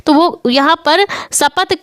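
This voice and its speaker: High-voiced woman teaching a lesson. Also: takes it slowly, a bit bright, dry recording, clean studio sound. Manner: explains step by step, repeats "ठीक है" and rhetorical questions. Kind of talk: exam-prep lesson, reading passages aloud.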